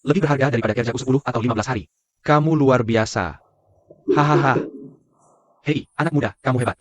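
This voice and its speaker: A man's voice: mid-range voice, fast talker, dry recording, lightly acted. Man dubbing a curt businessman. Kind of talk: Indonesian dub of a drama series.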